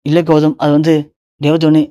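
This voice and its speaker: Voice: medium pitch, monotone, a little fast, dark tone, no room sound, muffled recording, natural voice. A narrator voicing a caring young wife who anxiously soothes her husband. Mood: soothing.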